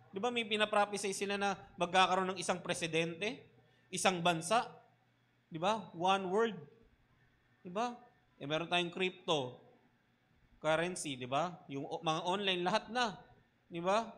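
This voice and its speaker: A Filipino man, a pastor, preaching a sermon in mixed Tagalog and English, often tagging lines with "di ba?" and swinging between loud emphatic bursts and quiet low asides. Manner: Taglish preaching, keeps asking "di ba?".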